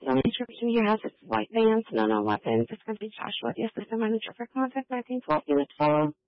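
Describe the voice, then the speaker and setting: A woman police dispatcher talks over the police radio, her fairly high voice squeezed thin and tinny by the narrow channel. She reads out call details quickly in short coded bursts. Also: very animated, no echo. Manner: brisk, clipped radio codes. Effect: police radio transmission.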